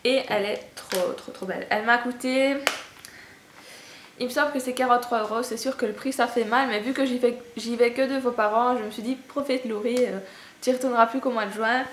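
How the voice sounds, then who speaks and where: A woman's voice: a little high, fairly even intonation, a little fast. A young woman with a Belgian French accent, chatting in a casual haul video, gushing and self-mocking with lots of fillers. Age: young adult. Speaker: beauty vlogger. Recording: echoey room with faint ambient noise.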